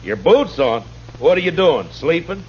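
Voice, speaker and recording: A man playing a steady, dry-spoken frontier marshal in an old radio drama. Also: a little high, unhurried, slight background noise. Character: calm, tough frontier lawman, grown man. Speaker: lead actor as U.S. marshal. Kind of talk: 1950s radio drama acting. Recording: muffled old radio broadcast.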